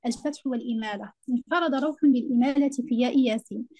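A woman presenting an academic conference paper, reading it out in a measured, formal way. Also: a little high, warm tone, dry recording.

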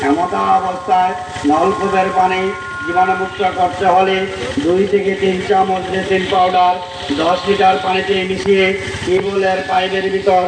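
A high-pitched man with a Bangladeshi accent reads a formal public announcement over a PA system. His delivery is very monotone. The sound echoes from a distance. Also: noisy background. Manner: amplified announcing over a PA loudspeaker. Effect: PA loudspeaker.

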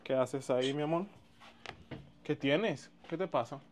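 A man's voice: on the high side, a little slow, slight background noise, close to an everyday voice. A man playing a doting husband who soothes his wife with stammering reassurances. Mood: concerned. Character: doting husband quick to anger at his sister.

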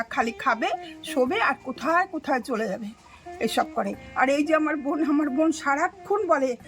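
A woman's voice: high voice, fairly bright tone. An older woman, rambling through an emotional personal account in an interview. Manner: rambling, tearful storytelling.

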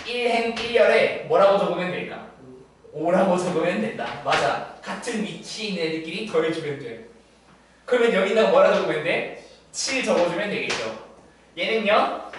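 A male math teacher giving a classroom lecture, often stopping to check in with students through quick tag questions. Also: sits high. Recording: echoey room, distant mic, faint noise.

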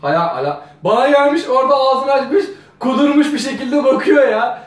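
High-voiced young man, very echoey and distant. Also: expressive, normal speed. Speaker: challenge video contestant. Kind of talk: casual teasing banter. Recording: very echoey room, off mic.

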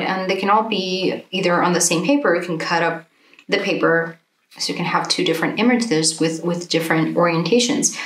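A woman's voice: fairly low pitch, a bit bright. A woman teaching a drawing workshop, thinking aloud casually with many fillers as she works. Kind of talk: casual live demonstration. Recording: echoey room.

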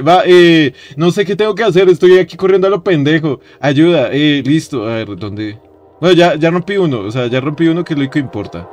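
A young man streaming a horror game, jumpy and loud, yelping in fright, chanting phrases over and over and laughing often. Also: medium pitch. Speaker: gaming streamer. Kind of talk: let's-play game commentary.

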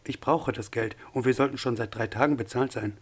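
A man voicing a curt, defiant young male worker with a husky voice. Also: mid-range voice, fairly quick.

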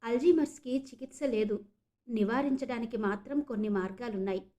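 A woman voicing a calm middle-aged male doctor who explains patiently. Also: fairly high pitch, brisk, lightly acted.

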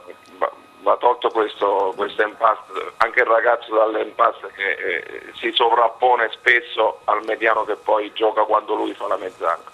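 A man calling a football phone-in with his voice giving out, hoarse, halting and repeating himself as he gives his opinions. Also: lowish voice, sharp tone. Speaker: phone-in caller, football fan. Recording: muffled, band-limited phone line.

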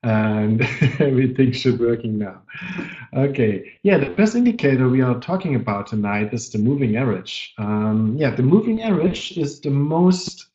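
A man who is not a native English speaker presents a live trading webinar, talking haltingly and searching for words while he has a cold. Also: fairly low pitch, mellow. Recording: dull lo-fi webinar audio.

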